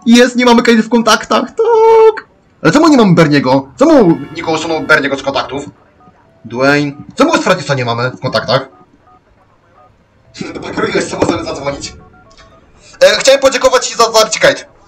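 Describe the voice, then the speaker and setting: Excitable man ranting through a game. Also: on the high side, brisk, long pauses, soft background music. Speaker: let's play gamer. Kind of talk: gameplay commentary.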